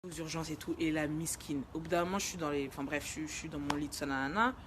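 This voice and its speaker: A young woman tells a personal story straight to camera in quick, slang-heavy speech. She races through it and bursts into shouts when she acts out the wild parts. A faint background hum sits under her voice. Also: sits low. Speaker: vlogger telling a personal story. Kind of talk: casual story time.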